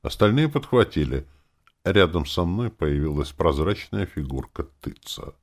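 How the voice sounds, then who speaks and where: A man's voice: deep voice, sing-song, unhurried. A man reading a first-person fantasy audiobook in a dry, wry storytelling manner. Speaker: audiobook reader.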